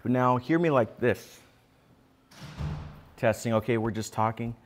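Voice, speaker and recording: A man's voice: medium pitch, measured pace. A man doing a casual sound check before a live stream, repeating test counts and talking to his crew.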